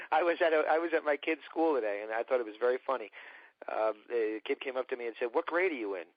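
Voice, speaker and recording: A man's voice: medium pitch, a little fast, dry recording. A man in his thirties hosting an interview, chatty and casual. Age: 30s. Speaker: podcast host. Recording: dry, dull lo-fi line.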